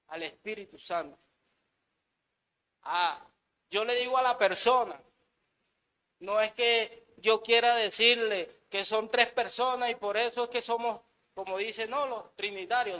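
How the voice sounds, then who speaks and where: A man's voice: sits high, pushed and bright, low-quality recording. A married man preaching a sermon in an earnest way, often repeating words and saying amen. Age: adult, married.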